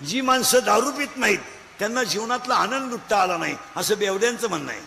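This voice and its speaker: Male kirtan preacher with a Marathi accent, high bright voice, sudden shouts and rhetorical jabs at the crowd, roomy echo and faint crowd ambience. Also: animated, fast talker, creaky, slight background noise. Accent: Maharashtrian Marathi. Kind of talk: comic Marathi kirtan sermon.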